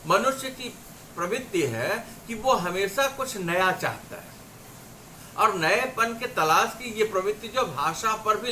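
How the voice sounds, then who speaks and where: Slow, bright-voiced male lecturer. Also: sits high, slight background noise, rough recording. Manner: slow, deliberate, reads out word pairs as examples. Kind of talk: academic lecture on linguistics.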